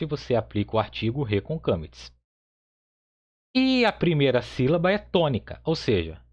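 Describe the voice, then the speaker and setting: A man teaching a Hebrew grammar lesson, explaining step by step in a patient way and often checking with the listener. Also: medium pitch. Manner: patient, repeats points with frequent "tá?" checks. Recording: slightly dull lo-fi audio.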